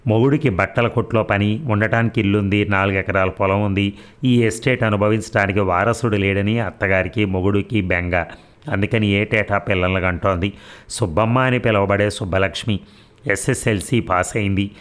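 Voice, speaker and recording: Low-voiced man reading a story aloud. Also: steady tone, normal speed. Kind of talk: audiobook narration.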